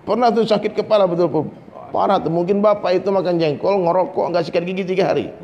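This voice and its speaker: A man's voice: high voice, steady tone, fast talker, darkish tone, lo-fi sound. Preacher man, echoing hall. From Minangkabau, West Sumatra. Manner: conversational preaching, keeps addressing listeners as "Pak", jokes and mimics people. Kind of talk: dawn sermon. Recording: faint noise, long hall reverb.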